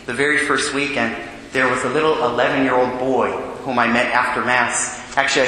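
A man serving as priest, reading the gospel and preaching in a large church with a cathedral echo, measured and solemn. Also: mid-range voice, sharp tone. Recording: long echoey church reverb, faint hiss.

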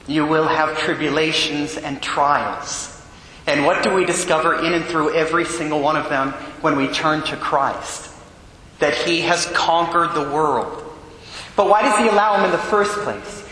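A priest reading the Gospel and preaching a homily at Mass in a large church, his voice carried by a booming cathedral echo. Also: pushed and bright, slight background noise. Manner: earnest, measured preaching. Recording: long echoey reverb in a large church.

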